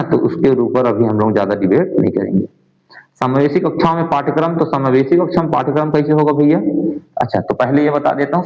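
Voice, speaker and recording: A man's voice: medium pitch, a little mellow. A male coaching teacher working through exam answers in Hindi, mixing in English terms and asking his class questions that he answers himself. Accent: Hindi, sprinkled with English exam terms. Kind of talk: answer-key lesson walkthrough. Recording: dull, roomy lo-fi sound.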